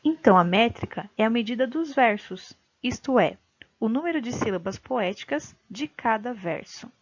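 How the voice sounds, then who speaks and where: A woman's voice: a little high, animated, moderate pace, highs cut off. A woman teacher giving a home-recorded video lesson, patiently sounding out syllables one by one.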